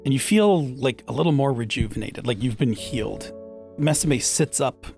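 A man's voice: medium pitch, animated, moderate pace, gravelly, a little mellow, soft background music. A man narrating as game master in a casual tabletop play session, talking loosely with lots of fillers. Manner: casual, filler-heavy narration with voiced asides.

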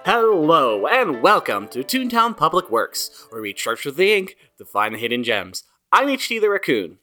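A man's voice: fairly high pitch, big pitch swings, moderate pace, pushed and bright, soft background music. A man hosting a podcast in casual chat, rambling and repeating himself for emphasis. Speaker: podcast host.

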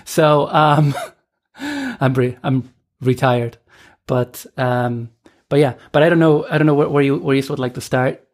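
A woman's voice: a bass voice, expressive, unhurried, a little mellow. A woman in her thirties from Argentina, a podcast guest talking casually and hesitantly, with many fillers and restarts. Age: 30s. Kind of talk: casual conversational interview.

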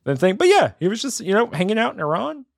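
A man co-hosting a podcast, chatting casually about a book, rambling with many fillers and quick laughs. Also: high voice, sing-song, creaky, crowd noise. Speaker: podcast co-host.

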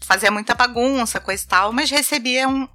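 Bright lively Brazilian woman telling stories. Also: a little high, moderate pace, soft background music. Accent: Brazilian Portuguese. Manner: animated, acts out voices and laughs while telling stories. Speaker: guest. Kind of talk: casual storytelling chat.

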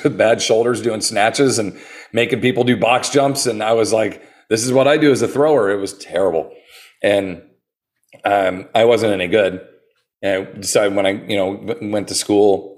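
Earnest and animated, a personal trainer from the United States shares stories in a relaxed interview, frequently starting over mid-thought. His voice is fairly low.

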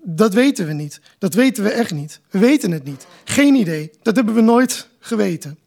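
Upset halting mother, read by a man, raspy. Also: sits high, lively intonation, darkish tone, heavily acted. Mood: distressed. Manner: halting, repetitive. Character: distressed middle-aged mother, halting and upset.

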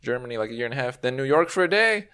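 A man hosts a relaxed podcast talk, his voice sitting in an ordinary middle register. He teases his guest and mocks himself in a dry, deadpan way. The delivery is casual and conversational. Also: medium pitch, very fast, clear, resonant tone. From United States (Southern California). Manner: joking, playful deadpan self-mockery. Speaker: podcast host.

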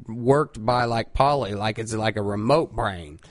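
A man's voice: on the low side, measured pace. A man co-hosting a podcast in casual recap chat, rambling and crude with stammering restarts. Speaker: podcast co-host.

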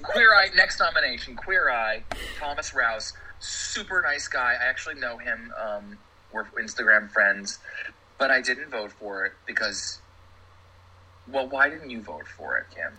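A man, a production designer, chatting as a podcast guest and telling stories with animated energy. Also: mid-range voice, unhurried, a little hiss or hum, poor audio. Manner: animated storyteller, laughs while talking. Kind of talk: casual podcast chat.

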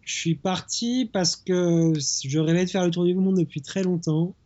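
A man's voice: sits high, fairly even intonation, unhurried, warm tone, highs cut off. A man from France speaking as an interview guest over a remote call line, in an easygoing way with many hesitations. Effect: heard over a remote phone or internet call line. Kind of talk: casual interview chat. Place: small hotel in the mountains.

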